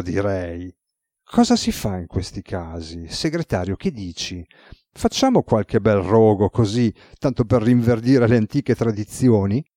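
A man voicing a weary, ironic male god with a relaxed, teasing manner, as read in an audiobook. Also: lowish voice, no echo, studio quality, full character voice. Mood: sardonic.

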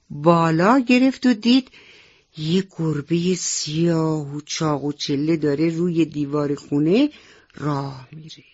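A woman's voice: sits low, lo-fi sound. A woman storyteller narrating a children's bedtime story on the radio, speaking directly to the children listening. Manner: warm, addresses children directly.

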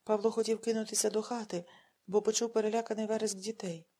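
A woman reading an audiobook novel aloud in steady, grave narration. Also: medium pitch, fast. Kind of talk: scripted narration.

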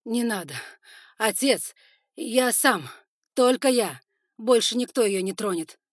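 A woman's voice: deep voice, fairly even intonation, unhurried, husky, no echo, studio quality, exaggerated voice. Woman voicing a desperate young spider prince. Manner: pleading loudly, then whispering gently. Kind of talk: audiobook character voice.

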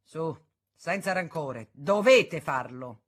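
A woman's voice: on the low side, normal speed, a bit bright, lightly acted. A woman reading an audiobook aloud, voicing a haughty aristocratic man who gives orders with a commanding manner. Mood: imperious.

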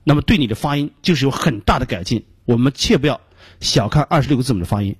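A middle-aged man with a Beijing Mandarin accent gives a radio pronunciation lesson, explaining slowly and repeating each sound he demonstrates. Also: mid-range voice, lively intonation, husky, no echo. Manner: frequent filler particles between phrases. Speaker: English pronunciation teacher.

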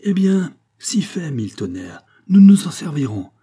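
A man's voice: on the high side, very animated, measured pace, warm tone, slightly rough, voice pushed up, exaggerated voice. Man voicing a defiant guard soldier. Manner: blunt, defiant soldier's talk.

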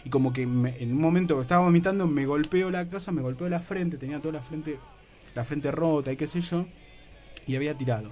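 A young adult man with an Argentine Rioplatense accent, telling a comic story on a radio comedy show, excitable and slangy, acting out other people's lines. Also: a little high, brisk, soft background music. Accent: Argentine Rioplatense Spanish.

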